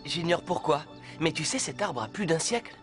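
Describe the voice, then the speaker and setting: A man voicing a shy, gentle teenage boy in a cartoon dub, hesitant and soft-spoken. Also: fairly high pitch, lively intonation, normal speed, faint music behind.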